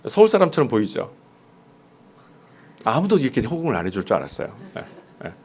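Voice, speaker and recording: A man's voice: medium pitch, huge pitch swings, fairly quick, a little mellow. A man preaching a sermon as pastor, talking conversationally and putting questions straight to his congregation. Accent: mostly standard Seoul Korean, dialect suppressed. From Jeolla, South Korea.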